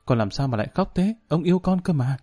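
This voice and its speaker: A gentle, caring young woman, voiced by a man. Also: a little high, expressive, quick pace, husky, pitched above the performer's own voice. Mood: soothing.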